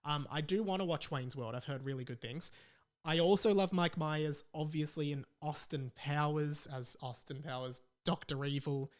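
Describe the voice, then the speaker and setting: A young adult Australian man hosts a solo podcast, chatting casually and poking fun at himself. His voice sits a little high and moves at a moderate pace.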